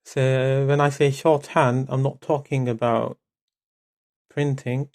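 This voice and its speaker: A man teaching networking in a casual video lesson, relaxed and rambling, with many fillers and pauses. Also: medium pitch. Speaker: networking instructor. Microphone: webcam mic, no headphones.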